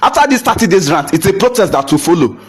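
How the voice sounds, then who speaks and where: A young adult Nigerian photographer delivers a heated, impassioned rant to camera, mixing English with Pidgin and hammering rhetorical questions. His voice is high with big pitch swings, a breathy edge, and a fast pace.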